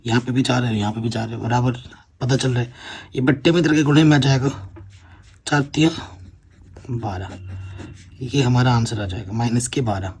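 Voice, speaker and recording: A man's voice: medium pitch, moderate pace, long pauses, darkish tone, a little hiss or hum. A man teaching a board-exam maths lesson, working through problems step by step and often checking that the students follow. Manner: explains step by step, keeps checking with "theek hai na".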